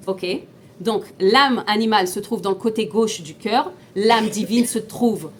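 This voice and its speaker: Speaking at an unhurried pace in a medium-pitched voice, a woman teaches an informal class step by step. She asks her students questions, frequently restarts and repeats herself, and blends in Hebrew terms.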